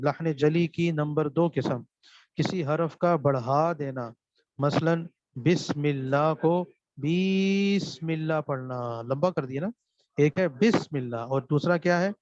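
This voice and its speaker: A man's voice: a little high, darkish tone, no room sound. Man lecturing, asks and answers. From Pakistan. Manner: asks questions and answers them himself, repeats key terms. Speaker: seminary teacher. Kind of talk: classroom lecture on Quran recitation. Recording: dull dry lo-fi recording.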